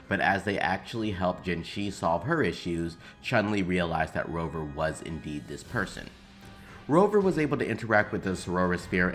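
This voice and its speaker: This opinionated video essay on games comes from a commentary creator whose voice sits low with a fairly bright tone. He speaks emphatically and informally, swearing now and then.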